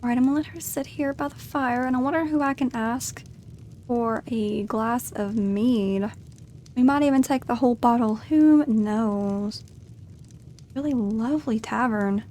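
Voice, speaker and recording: A woman's voice: on the high side, a little slow, mellow, a little hiss or hum. A woman giving chatty, giggly commentary as she role-plays through a video game. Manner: giggly, chatty, narrates her character's feelings. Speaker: gamer narrating her playthrough.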